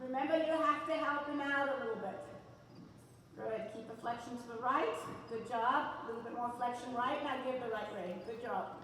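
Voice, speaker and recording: Casting: female riding instructor, high voice, brisk projected commands with encouraging praise, heard from afar in a very echoey hall. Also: a bit bright. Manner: encouraging, frequent short praise. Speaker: horse riding coach. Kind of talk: live riding lesson commentary. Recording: echoey hall, distant mic, faint noise.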